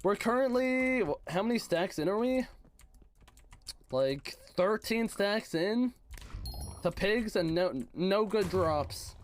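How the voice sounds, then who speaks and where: A man streaming a game chats casually, reading his chat aloud and teasing it in playful, slangy gamer talk. His voice is high with lively intonation and slightly hoarse, which he says is worn out, and he speaks slowly over slight background noise.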